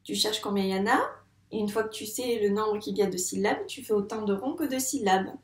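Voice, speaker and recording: Patient teacher stretching out syllables. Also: female voice, medium pitch. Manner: patient, slow, drawn-out syllables. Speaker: first-grade teacher. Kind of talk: phonics lesson addressed to a child. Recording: roomy echo.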